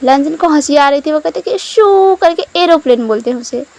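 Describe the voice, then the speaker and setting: A woman's voice: high-pitched, lively intonation, moderate pace, darkish tone. A woman narrating a fan fiction story in a chatty, casual way, doing the dialogue herself. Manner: chatty, giggles while retelling.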